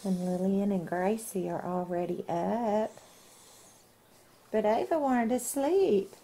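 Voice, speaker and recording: A woman's voice: mid-range voice, takes it slowly, dark tone. A woman hosting a casual family vlog, cooing and laughing often as she talks. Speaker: vlog host.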